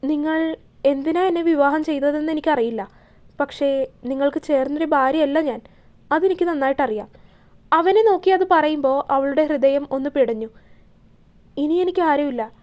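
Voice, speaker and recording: A woman voicing a grieving young wife in a romance audio story, halting and repeating words as she cries. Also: high voice, a little mellow, lightly acted. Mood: tearful.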